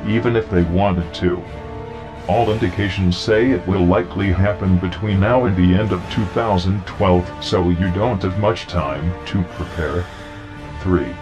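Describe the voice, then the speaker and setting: Man with an artificially deepened, disguised voice, very low-pitched, reading a solemn scripted statement over faint music. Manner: solemn, deliberate, numbered warnings. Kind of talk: scripted anonymous message read out.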